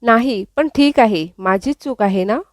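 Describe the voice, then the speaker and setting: A woman voicing a lively, apologetic young woman who is a student, in a retold serial scene. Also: on the high side, normal speed, no echo, clean studio sound, close to an everyday voice. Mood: pleading. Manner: pleading, then cheerful. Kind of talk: recounted serial dialogue.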